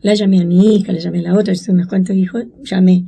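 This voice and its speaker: A woman's voice: fast talker, creaky, breathy edge. An older woman from Chaco with an Argentine accent, telling her story in an interview and acting out the voices she quotes. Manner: acts out quoted voices, rising high and excited. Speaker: interviewee, grandmother of a found granddaughter.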